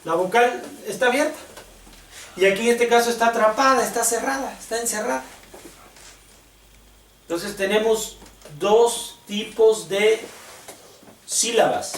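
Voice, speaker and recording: A male teacher explains step by step at an unhurried pace. His voice is heard from some distance in an echoey classroom with a faint hiss underneath. He keeps stopping to ask if his students follow. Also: high-pitched. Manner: slow, patient, checks understanding with questions. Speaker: Hebrew teacher. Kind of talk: classroom lesson.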